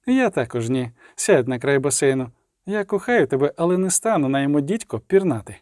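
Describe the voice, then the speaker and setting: A man's voice: on the high side, big pitch swings, brisk, a little mellow, no echo, clean studio sound. A man reading aloud and voicing a playful, sensual sorceress woman in a purring tone.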